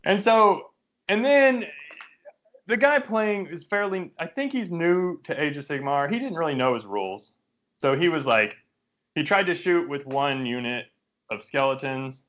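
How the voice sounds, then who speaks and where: A man with a fairly high voice tells a story in a podcast chat, heated and swearing freely, using plenty of "like" and "um". The recording sounds dull and lo-fi. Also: measured pace. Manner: profane, animated storytelling with frequent fillers. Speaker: podcast co-host. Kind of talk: casual chat among friends.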